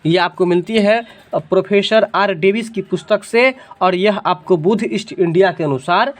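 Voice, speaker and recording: A man's voice: high-pitched, normal speed. Male coaching teacher. He drills exam facts through call and response and checks in with students constantly. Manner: keeps checking if students follow. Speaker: general knowledge teacher. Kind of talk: exam coaching class with memory tricks.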